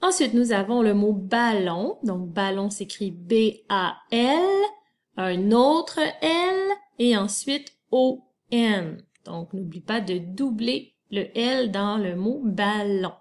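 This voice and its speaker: Slow, patient woman teaching spelling. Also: medium pitch, lively intonation, a little mellow. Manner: patient, spells words letter by letter. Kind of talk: slow spelling lesson for children.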